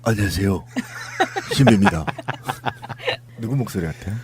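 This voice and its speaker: A man on a panel chat show, his voice disguised with a deep pitch-shifting voice changer, telling a story in a joking, animated way. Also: normal speed, gravelly, background noise.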